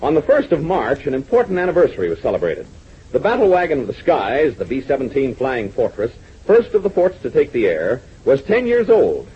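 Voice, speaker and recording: A man's voice: medium pitch, huge pitch swings, brisk, slight background noise. A man narrating and announcing an old radio serial, speaking earnestly to young listeners as gang, heard as an old radio broadcast. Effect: old radio broadcast sound. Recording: dull lo-fi 1940s radio recording.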